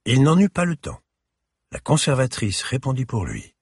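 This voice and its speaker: A man narrating an audiobook in an expressive, measured reading. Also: medium pitch, gravelly, husky, no room sound, studio quality.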